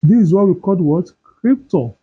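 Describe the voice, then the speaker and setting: A male teacher giving a chemistry lesson, asking questions and answering them himself, repeating terms slowly. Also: high-pitched, expressive, breathy edge. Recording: dull lo-fi sound.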